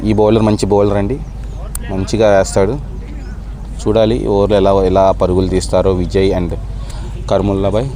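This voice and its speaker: A man giving excited cricket commentary outdoors, repeating short phrases as he calls the play. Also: low voice, moderate pace, long pauses. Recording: outdoor crowd noise behind.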